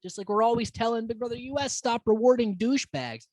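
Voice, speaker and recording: A woman hosting a casual, profane recap of a reality show, swinging from excited to exasperated. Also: on the high side, quick pace, no room sound. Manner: profane, animated, mimics houseguests in quoted asides.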